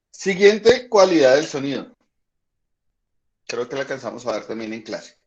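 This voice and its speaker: A man teaching a high school physics class online, patiently explaining and checking in with the students often. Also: highs cut off.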